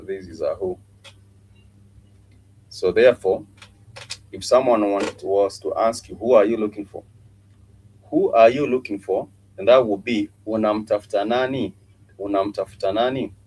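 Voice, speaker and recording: A man's voice: low voice, darkish tone, breathy edge, low-quality recording. A man teaching a live online language lesson, patiently repeating phrases and spelling words out letter by letter. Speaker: Swahili teacher.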